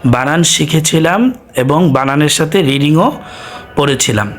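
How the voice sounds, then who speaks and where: A man teaching Quran reading, spelling words out letter by letter in a slow, repetitive drill and frequently saying "ah" between phrases. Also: a little high. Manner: frequent filler "ah". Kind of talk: spelling lesson, recited letter by letter.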